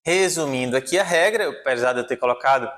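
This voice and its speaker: A man's voice: mid-range voice, fast talker, a bit bright. A man teaching French pronunciation in an online lesson, explaining rules patiently and checking in with his viewers often.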